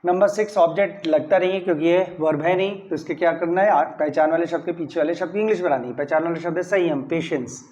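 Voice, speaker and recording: Talking fast with hardly any pauses, an English grammar teacher with a high, slightly mellow voice walks students through a classroom-style lesson step by step, often checking "clear?" and emphasizing key words in model sentences. The recording is somewhat dull and lo-fi.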